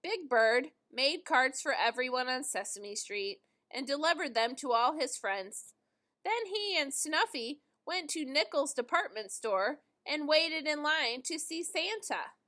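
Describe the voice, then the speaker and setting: In a high voice, a woman gives an expressive, deliberate storytelling reading of a children's storybook.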